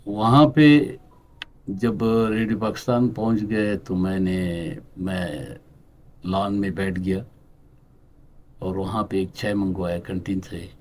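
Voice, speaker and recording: A middle-aged man from Balochistan, a writer and actor, telling anecdotes in an unhurried interview style with pauses, acting out other people's lines. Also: sits low, steady tone, a little mellow, slight background noise. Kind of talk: relaxed interview storytelling.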